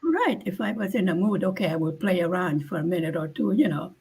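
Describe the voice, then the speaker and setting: A woman's voice: fairly low pitch, lively intonation, fairly quick, creaky, a little mellow, breathy edge. An older woman hosting a casual live chat, talking bluntly, laughing often and acting out quoted lines. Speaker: channel host.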